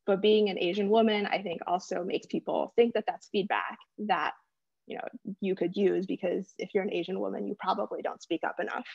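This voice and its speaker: Gravelly young woman on a panel. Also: mid-range voice, steady tone, a little fast, darkish tone, no room sound, highs cut off. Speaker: panel guest. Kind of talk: reflective panel discussion.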